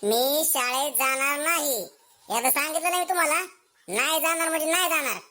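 A woman's voice: high voice, normal speed, bright, forceful tone. A woman playing a lazy, cheeky schoolboy in a comedy sketch. He whines, talks back and fakes being ill to skip school, with rustic slang. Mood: whining. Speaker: main character.

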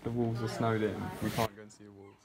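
A man's voice: fairly low pitch, level tone, quick pace, crowd noise. A young man chatting casually and playfully for a vlog, recorded on a handheld phone. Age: young adult. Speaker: vlogger. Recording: noisy handheld outdoor and indoor recording.

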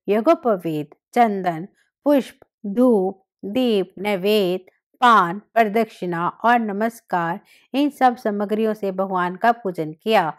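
A woman reads a devotional scripture story aloud at a steady, even recitation pace. Her voice sits at an ordinary middle pitch for a woman. She now and then stumbles and restarts a word. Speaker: narrator.

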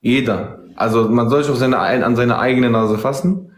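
A man's voice: medium pitch, normal speed. A man in a livestream discussion, admonishing in a preacherly way with emphatic repetition. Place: indoor room, group video call. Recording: roomy indoor echo.

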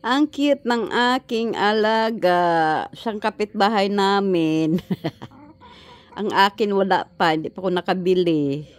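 A woman with a Filipino accent chatting slowly and warmly to her pet chickens outdoors, coaxing them and laughing, recorded on a handheld phone. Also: medium pitch, no echo. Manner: slow, chatty, laughing, coaxing baby talk. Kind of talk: casual chat to pets and camera. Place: outdoors on a patio lawn. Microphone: handheld phone pointed down.

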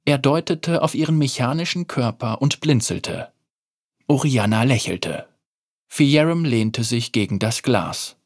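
Brief: storybook narrator, lively and animated, slightly husky, close and dry sound. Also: medium pitch, unhurried, dry recording.

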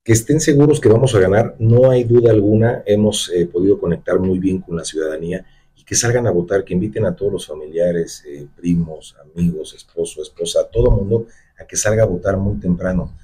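Deep, dark and husky, the voice of this Mexican-accented, middle-aged mayoral hopeful moves at a brisk clip. In a radio studio, he answers emphatically on a stand-mounted desk mic, sounding like he's on the campaign trail.

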